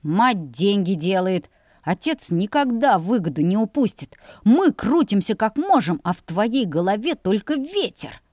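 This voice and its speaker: A woman's voice: medium pitch, very animated, a little slow, a little mellow, dry recording, studio quality. A woman voicing a crude, greedy teenage older brother who sneers and threatens. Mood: scornful. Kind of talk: audiobook character voice.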